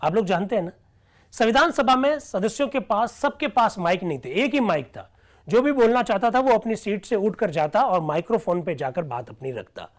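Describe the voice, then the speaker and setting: A man's voice: sits high, lively intonation, fairly quick. A man teaching an online class who reads out old debate records and explains them, often asking whether his listeners follow.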